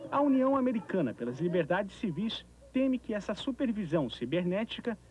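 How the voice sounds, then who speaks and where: A man's voice: high-pitched, sing-song, a little fast, a little mellow, husky. A man with a Brazilian accent narrating a scripted TV news report, recorded on an old VHS tape. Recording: noisy 1990s VHS tape of TV broadcast.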